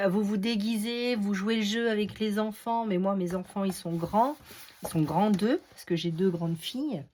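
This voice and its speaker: A woman's voice: mid-range voice, slight background noise. A middle-aged woman chatting casually as she shows craft books, hesitating often with fillers. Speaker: craft vlogger. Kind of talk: casual unboxing chat.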